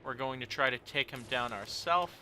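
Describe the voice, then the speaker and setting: A man's voice: medium pitch, normal speed, sharp tone, a little hiss or hum. A young man giving casual, rambling commentary on a video game he is playing, with joking asides and many fillers. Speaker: let's play host. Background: game music.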